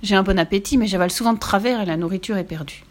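A woman's voice: mid-range voice, racing, lightly acted. A woman voicing a cheeky, fearless little red-haired girl with a bold, playful manner in a storybook reading. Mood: earnest.

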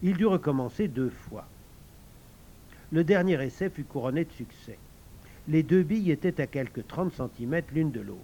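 A man narrating an audiobook with expressive storytelling. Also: on the high side, normal speed, slight background noise.

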